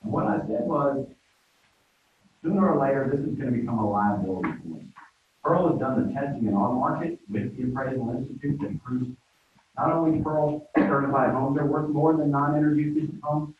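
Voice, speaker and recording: A man's voice: mid-range voice, brisk, slight background noise. A man speaking up earnestly at a business meeting, making a case to his colleagues. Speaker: meeting participant. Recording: phone-like, echoey room from far off.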